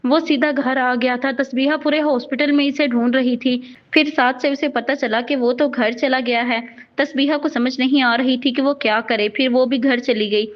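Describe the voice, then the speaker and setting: A woman reads a romantic novel aloud in a steady, even manner. Her voice sits high. The recording is dull and lo-fi. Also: moderate pace. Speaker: narrator. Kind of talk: storybook novel narration.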